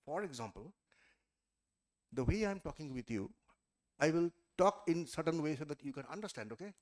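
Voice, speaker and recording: A man's voice: a little high, animated, normal speed. A man giving a classroom lecture on group discussion skills, emphatic, counting off points and checking in with "okay?". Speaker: trainer. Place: college event hall or classroom.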